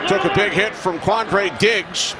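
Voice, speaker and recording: A man's voice: sits high, takes it slowly, a loud crowd. A man doing live commentary on an American football game. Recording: very noisy broadcast clip.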